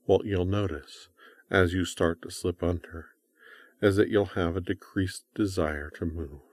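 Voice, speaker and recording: A man's voice: sits low, steady tone, unhurried, darkish tone, dry recording. A man giving a guided hypnosis induction in a soothing, coaxing, repetitive manner, speaking close to the mic.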